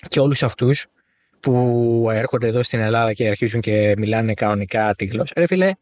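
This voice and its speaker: A man's voice: on the low side, level tone, a little mellow, no room sound, studio quality. A man co-hosting a casual podcast chat about motor racing, teasing and sarcastic. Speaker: podcast co-host.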